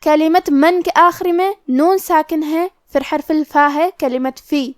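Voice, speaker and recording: A woman teaching Quran recitation rules, explaining each letter and rule slowly and methodically. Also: high-pitched, fairly even intonation, dry recording, studio quality. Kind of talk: tajweed lesson explaining rules.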